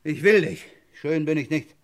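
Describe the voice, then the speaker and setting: Guy playing a wild bitter soldier back from the war, kinda high voice, feverish, stagey old radio play. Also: normal speed, natural voice. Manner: feverish, mocking theatrical stage speech. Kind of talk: 1960s German radio stage drama.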